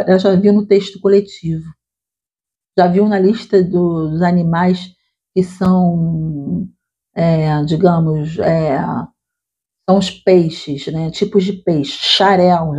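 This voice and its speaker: A woman literacy teacher explaining classroom activities to other teachers in a conversational way, checking in often with quick tag questions. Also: on the low side, warm tone, husky. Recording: dull lo-fi recording.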